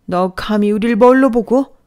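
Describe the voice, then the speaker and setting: A woman's voice: lowish voice, animated, normal speed, a little mellow, lightly acted. A woman voicing a grasping, scheming older mother-in-law who scolds indignantly in a story read aloud.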